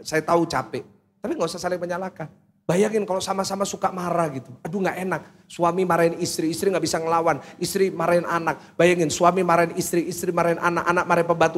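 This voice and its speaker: A man preaching to a congregation as their pastor, lively and animated, acting out quoted voices and asking questions of the hall. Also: fairly high pitch. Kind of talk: sermon.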